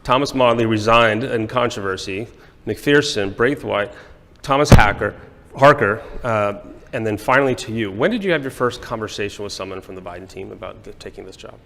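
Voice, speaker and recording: A man interviewing a guest in a chatty, joking way with quick asides. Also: lowish voice, fairly bright tone. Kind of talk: conversational interview questions. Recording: long hall reverb.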